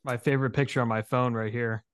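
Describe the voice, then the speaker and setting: A man co-hosting a podcast, asking rambling, halting questions with a joking edge. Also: mid-range voice, flat delivery, smooth, no echo, studio quality. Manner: hesitant, restarts questions, jokey. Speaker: podcast co-host. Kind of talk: casual interview chat.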